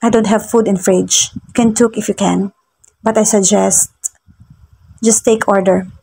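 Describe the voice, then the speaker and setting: A woman's voice: mid-range voice, fairly even intonation, measured pace, vocal fry, mellow, a little hiss or hum, rough recording. Woman reading as a teasing rich husband. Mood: calm teasing.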